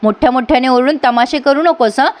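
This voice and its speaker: A woman's voice: sits high, a little fast, natural voice. A woman reading the lines of a rude, dismissive young woman in a serial recap, talking curtly. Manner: curt, dismissive.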